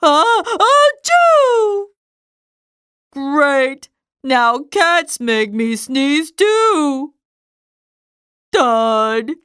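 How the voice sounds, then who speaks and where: A woman voicing an anxious, melodramatic male elephant with a cold, sneezing and halting as she reads a storybook aloud. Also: high voice, expressive, a bit bright, no room sound, studio quality, heavily acted. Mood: miserable. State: sneezing, stuffy.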